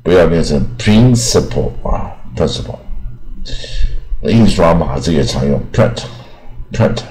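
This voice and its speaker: A man teaching English pronunciation, saying each word slowly several times and often ending his phrases with a drawn-out "ah". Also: a bass voice, a little mellow, low-quality recording. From Taiwan.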